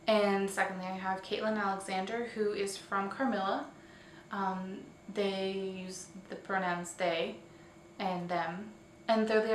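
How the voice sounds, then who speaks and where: In an echoey room with a far-off mic and a light hiss, a woman hosts her weekly online roleplay community show. Her middle-pitched voice is a bit bright, and her casual roundup is chatty, slightly hesitant, and full of quick self-corrections.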